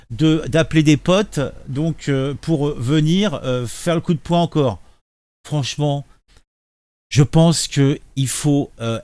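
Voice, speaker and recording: A man's voice: mid-range voice, a little mellow, no echo. A man giving casual reaction commentary, sarcastic and mocking, hesitating with many fillers. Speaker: political commentary youtuber.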